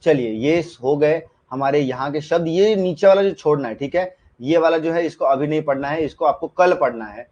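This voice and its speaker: A man teaches a live online shorthand class, his voice sitting somewhat high. He talks in a loose, chatty way, repeating himself and asking students whether they follow. The sound is dull and lo-fi. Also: moderate pace, hardly any pauses, darkish tone.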